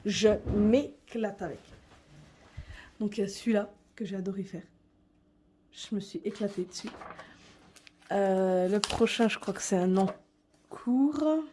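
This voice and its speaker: Young woman vlogger, warm mellow tone, loose rambling chat, faint background noise. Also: medium pitch, a little slow, long pauses. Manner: chatty, hesitant, many fillers. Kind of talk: casual chat showing her coloring books.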